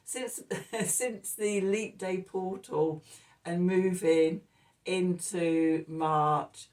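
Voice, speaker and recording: A woman's voice: on the low side, fairly even intonation, extremely slow, a little mellow. A woman giving a casual, chatty tarot reading, full of ums, with a voice a little distant from the mic. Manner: chatty and laughing often, with many ums. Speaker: tarot reader.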